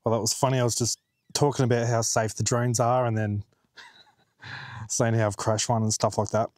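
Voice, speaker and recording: A man's voice: mid-range voice, darkish tone, no echo. A middle-aged man with an Australian accent, chatting casually for his outdoor vlog, laid-back, laughing often and swearing now and then. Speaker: vlogger. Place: outdoors by a quiet plantation road.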